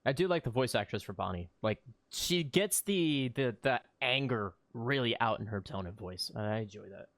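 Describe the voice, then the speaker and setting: A man commentating his game playthrough excitedly, laughing and swearing as he picks choices. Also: medium pitch, moderate pace, few pauses, no echo. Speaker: gaming streamer. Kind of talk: gaming commentary. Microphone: desk mic.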